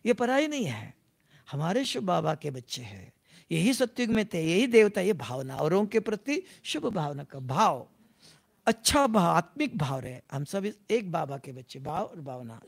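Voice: medium pitch, very animated, normal speed, creaky. A spiritual teacher giving a devotional class talk, repeating points and often putting questions to the listeners. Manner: repetitive, keeps asking the listeners questions.

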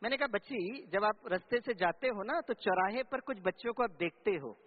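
A man with a strikingly high voice tells a story to his audience, acting out each exchange with animation. He is a teacher at a children's camp, and he sounds tinny, as if heard over a phone line. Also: moderate pace. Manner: animated, acts out dialogue. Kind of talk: storytelling spiritual talk.

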